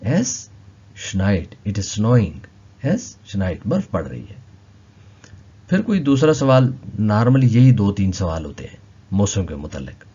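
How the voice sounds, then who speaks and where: A man teaching a language lesson, slowly repeating each word several times. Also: on the low side, dark tone, husky, dull audio. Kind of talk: explaining vocabulary lesson.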